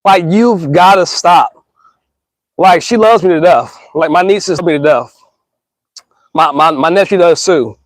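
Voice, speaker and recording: A man in his thirties muses aloud in a casual, slangy monologue, earnest and rambling, constantly restarting and stammering while calling listeners "y'all" and "bro". His voice is high with a measured pace and long pauses, recorded cleanly in a studio with no room sound.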